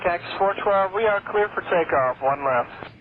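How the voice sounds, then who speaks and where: A man's voice: sits high, lively intonation, normal speed. A man, an airline pilot, giving clipped readbacks to air traffic control over the radio. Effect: aviation radio. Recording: tinny radio channel with clear static.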